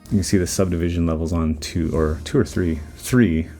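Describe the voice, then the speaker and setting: Guy with a really low voice chatting loosely over his blender timelapse, lots of ums, soft music behind. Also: a little fast. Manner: relaxed, rambling, with many fillers and restarts. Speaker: 3D artist giving commentary. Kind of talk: casual voice-over commentary on a modeling timelapse. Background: faint background music.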